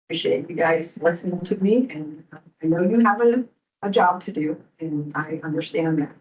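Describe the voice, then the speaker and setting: A woman's voice: sits low, moderate pace, darkish tone. A woman giving a hesitant public comment at a board hearing, full of ums and restarts, in a courtroom-style recording. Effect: courtroom-style hearing room recording. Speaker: local business owner speaking at a public hearing. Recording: dull distant hearing room recording.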